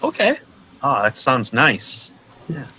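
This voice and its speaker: A man from the teaching a beginner English class over a video call, patient and clear, with a friendly welcoming manner. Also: medium pitch, huge pitch swings, slow pace, sharp tone, a little hiss or hum, rough recording. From United States, Minnesota. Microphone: video call headset or webcam mic.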